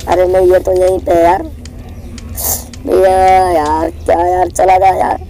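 A young man, hoarse from a cold, giving jittery live commentary on a horror game, repeating words in quick bursts. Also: high voice, flat delivery, dark tone, slight background noise, rough recording. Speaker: gaming channel host.

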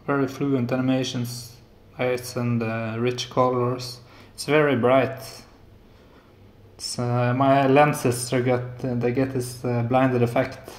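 He speaks slowly, in a level tone and medium pitch. The man, a hobbyist maker in his thirties from Norway with a Norwegian accent, shows a hobby electronics build at home in a casual tech demo, soft-spoken, hesitant and full of filler sounds, recorded in an echoey room in his indoor apartment living room and kitchen.

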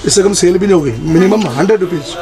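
A middle-aged man giving a brisk sales pitch in a crowded cosmetics shop, quoting prices. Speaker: wholesale shop seller. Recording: loud music over the voice. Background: loud background music.

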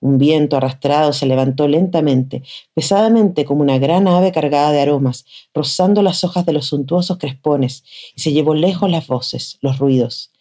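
A woman reading a literary short story aloud in a measured, expressive way. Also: sits low. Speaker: reader of short stories.

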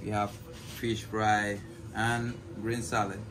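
Slow-talking man listing food outdoors. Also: fairly low pitch, little pitch movement, background noise. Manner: slow, plain listing of dishes. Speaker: local tour guide.

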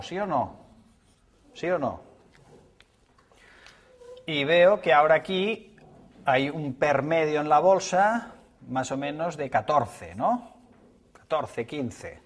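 Teacher firing rhetorical questions. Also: male voice, a little high. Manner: lively, rhetorical questions to students, acts out dialogues. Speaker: economics teacher. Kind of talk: classroom lecture.

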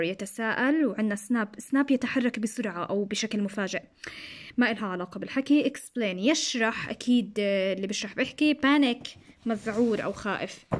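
A woman teacher with a Jordanian accent and a somewhat high voice. She explains patiently and goes back over each word so students can follow. It sounds like a recorded lesson. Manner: patient, explanatory, repeats key words.

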